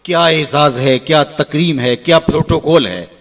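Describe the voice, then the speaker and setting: A middle-aged male preacher giving an emotional sermon. His voice swings from soaring cries to hushed lows, and he chants verses slowly.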